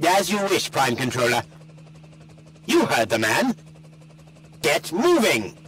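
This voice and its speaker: A man's voice: fairly high pitch, huge pitch swings, slow, fairly bright tone, heavily acted. An actor playing a cold, scheming male officer in a game, who lectures in a smug tone. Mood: brisk.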